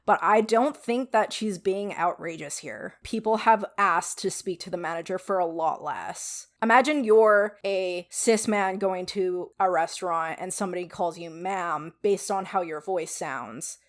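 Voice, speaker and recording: A woman's voice: fairly low pitch, measured pace, few pauses. A woman with a weak voice giving frank, casual opinion commentary to viewers, with some swearing. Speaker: video commentator.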